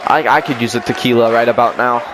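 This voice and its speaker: A man calling a video game wrestling match as play-by-play commentator, shouting and exclamatory with a joking streak. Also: medium pitch, steady tone, fast, a loud crowd, heavy background noise.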